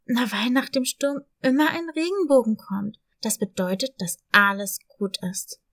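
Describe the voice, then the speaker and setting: Brave little male puppy, lower and louder than the narration, protective and kind, voiced by a woman. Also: moderate pace, close to an everyday voice. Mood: reassuring. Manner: reassuring, protective.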